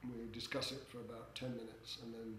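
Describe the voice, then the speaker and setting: An older man answering interview questions as a theatre director, in a hesitant, halting way with droll, tongue-in-cheek humour. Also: medium pitch, level tone, fairly bright tone. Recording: echoey room with background noise.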